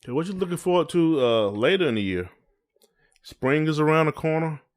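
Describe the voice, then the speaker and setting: Slightly high and animated, this man's voice moves at a brisk clip. As co-host of a laid-back podcast, he rambles in a homespun way and says the same phrases more than once.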